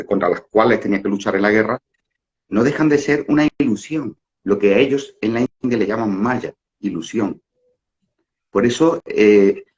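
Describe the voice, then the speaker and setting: A middle-aged man giving a casual spiritual talk, rambling with fillers and restarts and frequent rhetorical questions. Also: lowish voice. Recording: dull lo-fi audio.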